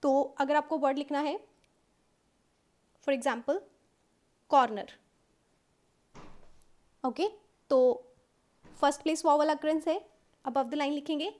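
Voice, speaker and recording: A woman with an Indian accent teaching a shorthand lesson step by step. She explains patiently, checks in with "okay" often, and slows down to dictate rules. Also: sits high, fairly even intonation, darkish tone. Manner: patient explaining, frequent "okay" checks, mixes English terms into Hindi; slows right down to dictate English rule lines.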